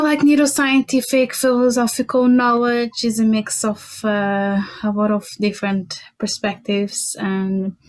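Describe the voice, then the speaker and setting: A young woman from Portugal, a native Portuguese speaker, talking casually as a podcast guest, thoughtful with many fillers and restarts. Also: medium pitch. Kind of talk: casual interview chat.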